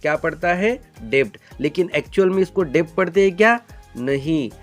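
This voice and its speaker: A man with a high, expressive voice teaches English pronunciation in Hindi at normal speed, faint music audible behind him. In classroom fashion he drills with repeated call-and-response questions and answers them himself. Viewers are spoken to like children and called "beta."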